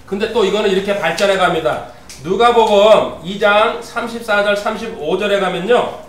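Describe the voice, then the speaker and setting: A man's voice: high voice, moderate pace, a little hiss or hum. A man preaching a sermon as a pastor, reading scripture aloud and putting questions to the congregation. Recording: roomy, distant, faint ambience.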